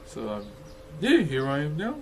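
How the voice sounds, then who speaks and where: A man with a broad Kiwi accent talks casually to his livestream viewers. His voice sits a little high, and his manner is laid-back and chummy, full of matey slang. There is clear noise behind him. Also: huge pitch swings, normal speed, a little mellow. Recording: noticeable background noise.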